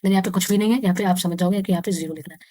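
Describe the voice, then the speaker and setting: A woman with an Indian accent teaching maths to young pupils. She reads English textbook lines slowly, then explains them again and counts aloud step by step. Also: fairly low pitch, fairly even intonation, mellow, dry recording. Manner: slow, deliberate reading of English textbook lines; explains each line again in Hindi. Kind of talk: casual lesson for young pupils.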